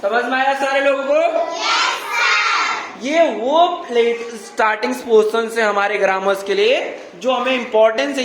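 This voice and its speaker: A male teacher giving a grammar lesson to a class, repeating questions and mildly scolding students who do not listen. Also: very high voice. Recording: echoey classroom with background noise.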